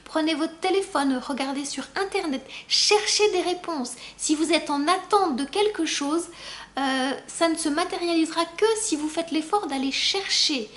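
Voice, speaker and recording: High-voiced woman giving a gentle spiritual message. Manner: gentle, encouraging, addresses listeners fondly; a little halting, with fillers. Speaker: spiritual coach. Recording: roomy echo.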